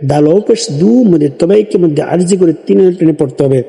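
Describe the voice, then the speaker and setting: A man teaching Quran recitation in a live online lesson, spelling out letters and vowel marks, then chanting each word slowly for his viewers to repeat. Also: a little high, gravelly, warm tone. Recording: long hall reverb with faint music.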